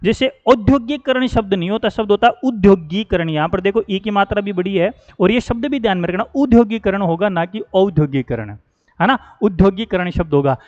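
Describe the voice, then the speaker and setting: A man's voice: high-pitched, a little fast, darkish tone. Man, grammar teacher, spelling lesson, repetitive explaining, dull lo-fi sound. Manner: explanatory, repeats key words, asks "है ना". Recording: dull lo-fi sound with long reverb.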